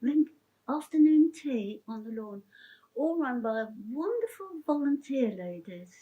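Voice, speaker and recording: An older woman shares her life story in a heartfelt, chatty way, often stopping and starting again mid-sentence. Her voice sits high and swoops through a lively, wide range. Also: measured pace, narrow, tinny audio. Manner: chatty, rambling, with frequent restarts; emotional and heartfelt. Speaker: interviewee sharing her story. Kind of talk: personal storytelling interview.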